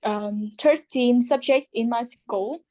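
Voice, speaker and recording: Hesitant woman student, slow and halting. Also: on the high side, a little mellow. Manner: hesitant, many ums and uhs, searching for words. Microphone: video call.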